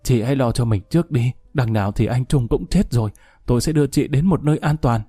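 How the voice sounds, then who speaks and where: An aging henchman in a hurry, his voice mellow and low-key but pressing and pleading, as a male storyteller reads him. The sound is dry and close, with faint music behind. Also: fast talker, breathy edge, dry recording, lightly acted. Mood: urgent. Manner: urgent, pleading. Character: older man, urgent and panicked henchman.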